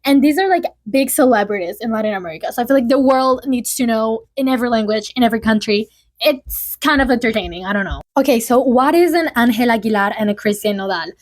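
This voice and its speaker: A woman's voice: on the high side, quick pace. A woman in her early twenties chatting casually as a vlogger, telling gossip with lots of "like" and fillers. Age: early 20s.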